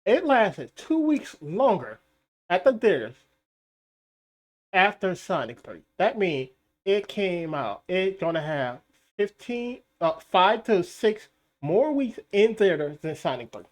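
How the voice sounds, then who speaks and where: With an ordinary middle pitch, big pitch swings and a slow pace, a live streamer pushes their case on box office figures. They repeat themselves, throw rhetorical questions at doubters and mock critics with laughter.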